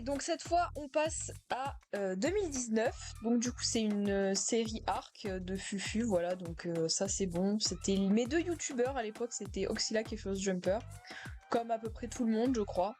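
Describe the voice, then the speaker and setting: A teenage girl in high school, casually reacting to her own old comments, self-mocking, with many fillers and laughs. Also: moderate pace, a little mellow, faint music behind. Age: teens.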